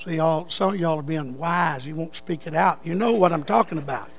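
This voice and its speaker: An older man preaching a sermon, telling a folksy story and leading prayer, swinging between loud bursts and hushed lines. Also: a little high, brisk, faint music behind.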